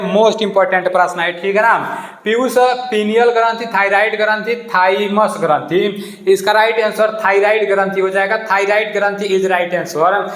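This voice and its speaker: A man's voice: high-pitched, fairly bright tone, reverberant. A man coaching exam students through a quiz, repeating each question and giving the answer. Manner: repetitive, asks each question twice and answers it.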